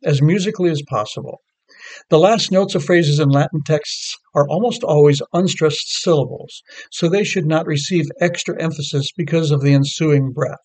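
A man reading a scripted lecture that explains choral music, in a measured, explanatory way. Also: on the high side, darkish tone.

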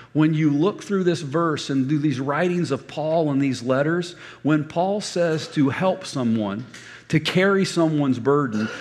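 A man's voice: a little high, darkish tone, in a large hall. A man preaching a sermon as pastor, telling stories and acting out the voices of people he quotes. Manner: storytelling, acts out quoted voices. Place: church hall.

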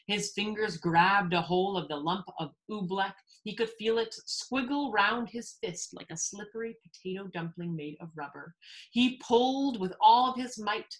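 A woman's voice: mid-range voice, moderate pace. A woman host on a video call, reading a children's story expressively, then chatting about a simple kids' science activity.

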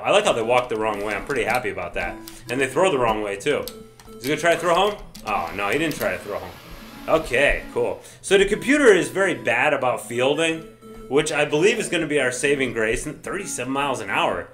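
A man casually commenting while playing an old baseball video game, excitable, shouting at the players and grumbling when things go wrong. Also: a little high. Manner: excitable, swears mildly, yells at the game. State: says he is drunk. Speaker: let's play gamer.

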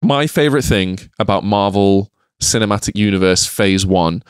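A man's voice: lowish voice, moderate pace, smooth, no room sound, clean studio sound. A man co-hosting a podcast, blunt and jokey, swearing a lot in casual chat. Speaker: podcast co-host.

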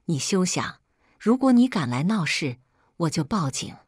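A woman's voice: lowish voice, big pitch swings, measured pace, darkish tone, breathy edge, dry recording, studio quality, heavily acted. A woman voicing a tired but determined young woman in a story. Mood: resolute. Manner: weary, resolute. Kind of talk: scripted story narration.

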